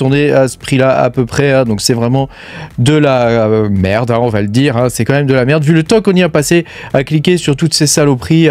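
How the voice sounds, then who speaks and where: A man's voice: mid-range voice, darkish tone, no room sound. French guy talking crypto news to the viewer, lots of fillers, swears a bit, dry close mic. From France. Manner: chatty, filler-heavy, addresses viewer as tu; blunt, swears casually. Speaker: crypto mining YouTuber. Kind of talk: casual commentary over charts.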